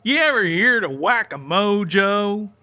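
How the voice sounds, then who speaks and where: A high, bright male voice, slow-paced, plays a cocky country sidekick in an audiobook drama. He is folksy, crude and blustering, with an animated, heavily acted delivery.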